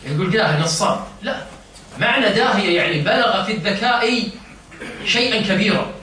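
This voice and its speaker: Seated in a circle, listeners follow an informal religious lesson from a teacher whose high, bright voice has lively intonation. He pauses to question them and explains every word. The recording is distant and very echoey, with a faint hiss.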